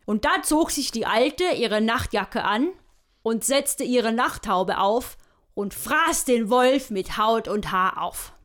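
A woman's voice: fairly high pitch, lively intonation, takes it slowly, fairly bright tone. A woman telling a bawdy comic fairy tale in a hearty, rambling, folksy yarn style. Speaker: storyteller.

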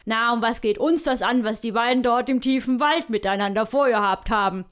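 A woman's voice: a little high, fairly quick, clear, resonant tone. A woman telling a bawdy comic fairy tale in a hearty, rambling, folksy yarn style. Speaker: storyteller.

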